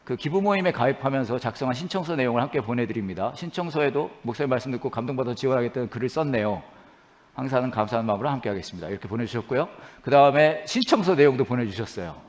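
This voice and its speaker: A young man preaching a sermon as pastor, animated and acting out prayers with shouts and laughter. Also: medium pitch, racing.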